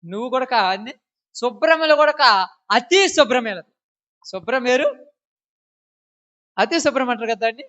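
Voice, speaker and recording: A woman's voice: fairly high pitch, lively intonation, moderate pace, pauses often, a bit bright, highs cut off. A woman preaching an informal sermon who scolds her listeners and keeps asking them rhetorical questions.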